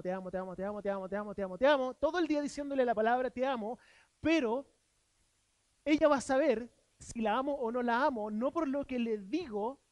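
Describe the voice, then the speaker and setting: A very high-pitched male voice, recorded with no room sound, belongs to a pastor with a Chilean Spanish accent preaching in church. Earnest throughout, he asks rhetorical questions and gives voice to the objections he pictures his listeners making.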